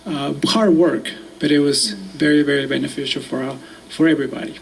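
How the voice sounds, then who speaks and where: A man's voice: on the high side, fairly quick, gravelly, slight background noise, poor audio. A man from Mexico City cheerfully telling about growing up on a chapel panel.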